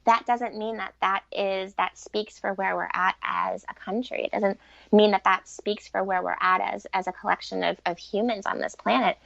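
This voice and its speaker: A woman who is an author and relationship expert speaks as a podcast guest on spiritual matters, explaining earnestly and repeating points for emphasis in a conversational way. Her voice is medium-pitched, creaky and fairly bright, with fairly even intonation and a moderate pace. There's no echo, but the high frequencies are cut off.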